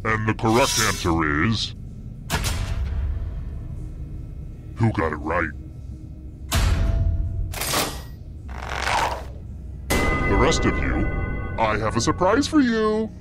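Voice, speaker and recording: A man's voice: on the low side, big pitch swings, normal speed. An actor playing a sinister male game show host who menaces the players in a sardonic, threatening manner. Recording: music playing behind voice.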